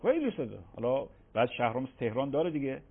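A man's voice: mid-range voice, very animated, gravelly, husky. A man, a cleric, answering religious questions on a radio call-in show, emphatic and given to repeating himself. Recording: phone-like radio broadcast.

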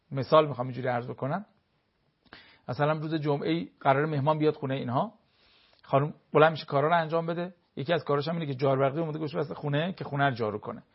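A fairly high, husky male voice explains family communication as a counselor. He talks in a lively way and briefly acts out what spouses say to each other. The recording sounds dull and lo-fi. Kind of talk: explanatory talk with everyday examples.

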